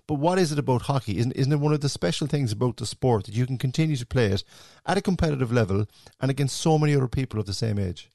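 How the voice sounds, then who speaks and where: A man's voice: mid-range voice, expressive, quick pace, creaky, mellow, no echo, studio quality. A man with an Irish accent hosting a conversational sports interview in an encouraging, effusive way. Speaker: podcast host.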